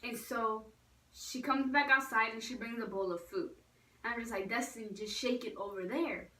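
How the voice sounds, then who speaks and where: A young woman with a bright, high-set voice tells a casual storytime for her vlog, chatty and full of acted-out quotes. She sounds a little distant from the mic. The room around her rings with echo. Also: moderate pace. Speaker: vlogger.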